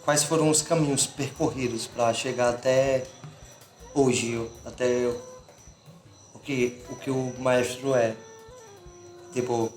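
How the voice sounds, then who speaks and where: A man's voice: medium pitch, steady tone, slow, pauses often, darkish tone. A man hosting an interview, asking questions eagerly and casually, with short affirmations. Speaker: interviewer, host. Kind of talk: friendly interview. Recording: echoey room with music behind.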